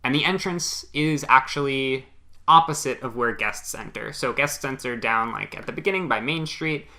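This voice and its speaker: A man's voice: medium pitch, moderate pace, sharp tone. A young man co-hosting a casual chat show, rambling along with dry jokes. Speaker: podcast co-host, former theme park worker.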